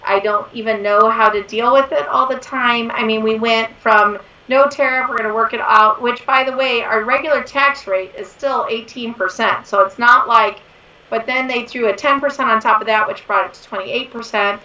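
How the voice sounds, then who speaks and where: Hoarse, chatty woman guest, roomy sound. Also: on the high side, moderate pace, sharp tone. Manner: chatty and enthusiastic. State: hoarse from overuse. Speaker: guest entrepreneur. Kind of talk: casual interview chat. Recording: distant roomy lo-fi mic.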